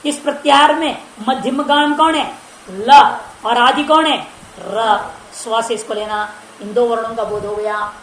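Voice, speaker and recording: A woman's voice: a little high, fairly even intonation, measured pace, a bit bright. A woman teacher giving a grammar lecture, asking the class questions and answering them herself. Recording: roomy echo with faint background hiss.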